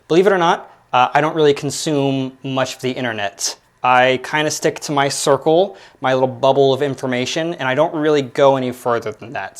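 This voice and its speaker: Rambling young man hosting a podcast. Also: medium pitch. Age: 20s. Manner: rambling, filler-heavy, self-deprecating. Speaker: podcast host. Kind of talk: casual solo commentary.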